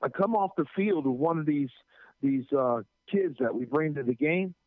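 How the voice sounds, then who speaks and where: Animated New man over a tinny line. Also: fairly high pitch, moderate pace, no echo. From New Jersey. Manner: animated, stammers on starts, acts out others' lines. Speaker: anti-drug school speaker, radio guest. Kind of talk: casual storytelling chat. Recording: tinny phone-line sound, dry.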